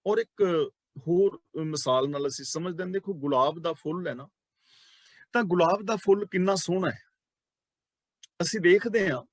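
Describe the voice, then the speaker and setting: A man teaching a religious class, explaining sacred terms slowly and speaking directly to his listeners, often repeating key words. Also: high voice, no echo. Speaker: Sikh scripture teacher.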